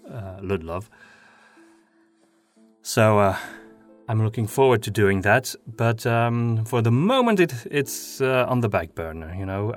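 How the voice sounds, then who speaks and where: This podcast host and audio drama writer from Flanders speaks in a slightly low voice, hesitating often with ums and restarts. He starts with a casual monologue and then reads an article he wrote.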